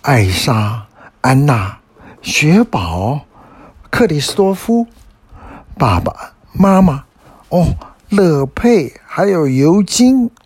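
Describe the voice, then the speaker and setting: A cheerful snow queen greets her family in a bedtime story, as a father puts her on in a lifted, brighter voice. The tone is husky and dry, and she sounds glad, calling out the names one by one. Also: a little high, very animated, extremely slow, no echo, pitched above the performer's own voice, exaggerated voice. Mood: delighted.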